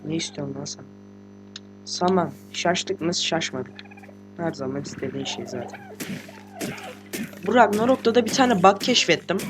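A teenage boy, a gaming host, giving casual let's-play commentary while sick and talking quietly, chatty, slangy and joking with swearing. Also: fairly high pitch, expressive, normal speed, pauses often, over music. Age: teens. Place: room at home with a computer.

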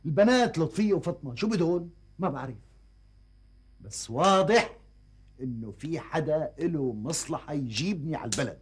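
A man's voice: fairly high pitch, animated, brisk, slightly rough. An actor playing a troubled, suspicious man back in his home town, with a Damascene accent, speaking in a brooding way. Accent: Damascene Arabic.

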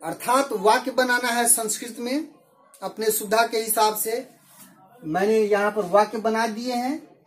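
A woman teaching a Sanskrit lesson, methodically working through each answer and repeating it in Hindi. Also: fairly high pitch. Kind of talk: slow explanatory lesson.

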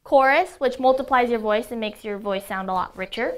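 A woman's voice: a little high, fairly quick. A woman giving an upbeat, step-by-step scripted demonstration of a toy product.

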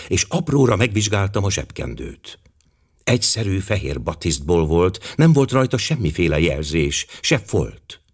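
A man narrating an audiobook in a measured, expressive storytelling manner. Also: sits low.

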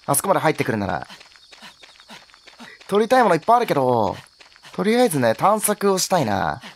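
Jumpy, wildly animated male game commentator. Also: a little high, brisk. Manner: jokey, yelps and exclaims at scares. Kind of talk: horror game let's play commentary.

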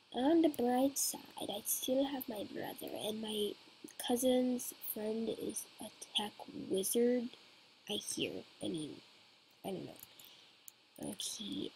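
A woman's voice: fairly high pitch, fairly even intonation, takes it slowly, dark tone, a little hiss or hum, rough recording. A woman hosting a game let's play, talking hesitantly and rambling with many fillers into a computer mic. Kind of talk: casual gameplay commentary.

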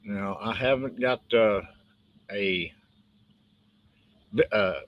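A man's voice: on the low side, slow, dry recording, dull audio. An older man with a West Texas twang, an author chatting casually and rambling in a folksy way on a live stream. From West Texas, United States. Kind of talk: casual live-stream chat about own books.

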